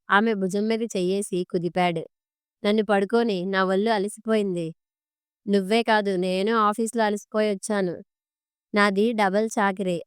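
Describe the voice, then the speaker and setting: A woman's voice: mid-range voice, clear, resonant tone, no room sound, clean studio sound. A woman with a Telugu accent narrating an audiobook story, reading every character's dialogue in her own voice.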